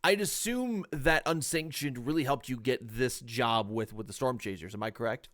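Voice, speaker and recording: A man's voice: mid-range voice, expressive, normal speed, a bit bright, dry recording. A man hosting a casual interview, asking friendly and encouraging questions. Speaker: podcast host.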